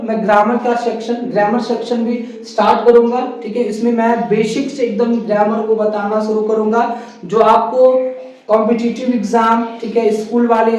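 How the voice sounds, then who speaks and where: A man's voice: very high voice, darkish tone, heavy reverb, far from the mic, poor audio. A man teaching English word pronunciation, repeating each word and quizzing the listener with rhetorical questions. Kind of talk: casual teaching.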